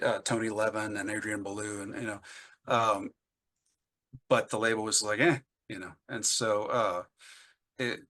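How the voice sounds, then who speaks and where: A middle-aged singer-songwriter, appearing as an interview guest, chats casually and tells anecdotes in an enthusiastic, rambling way. His voice is lowish with a sharp tone.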